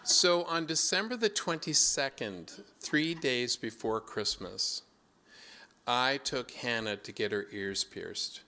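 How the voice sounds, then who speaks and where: A man's voice: mid-range voice, sharp tone, slight background noise. A man preaching a sermon as pastor, telling a family story and then turning it into a reflective message. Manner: slow anecdotal storytelling that turns reflective.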